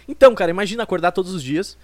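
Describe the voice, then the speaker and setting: A man's voice: high-pitched, expressive, fast talker, very noisy. A young man in his twenties from Brazil, hosting a solo comic podcast with a rambling, self-mocking and profane way of talking, close to the mic. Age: 20s. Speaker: podcast host.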